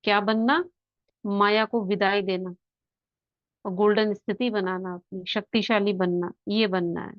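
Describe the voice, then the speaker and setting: A woman leads a spiritual class with a guided visualization, her voice at a middle pitch for a woman. She explains step by step and turns questions back to her listeners. The recording is dull and lo-fi, with a dry, close sound. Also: steady tone, measured pace, no echo.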